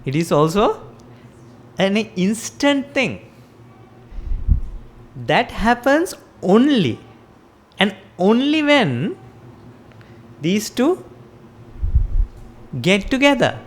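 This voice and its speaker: This Sri Lankan-accented Buddhist teacher preaches very slowly, with long pauses and a very animated delivery in a mid-range voice. She explains step by step and puts rhetorical questions to her listeners.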